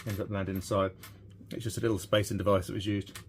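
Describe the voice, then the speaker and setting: A British vintage radio repairer in his fifties presents a video from his small, cluttered indoor electronics workshop, chatting casually and thinking aloud while demonstrating hands-on. His voice is lowish, level and fast, and the recording carries clear workshop noise.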